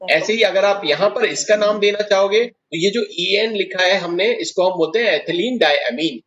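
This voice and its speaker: Fairly high-voiced male chemistry teacher. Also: normal speed, a bit bright, muffled recording. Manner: explains step by step, asks students questions. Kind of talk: classroom lecture at a board.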